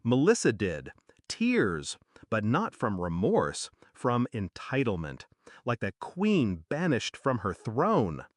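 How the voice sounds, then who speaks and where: An older man tells a first-person story in short, deliberate phrases with dramatic pauses. His pitch rises and falls freely while the pace stays slow. The recording is dry and close, with no room sound. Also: huge pitch swings, no room sound. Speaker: narrator.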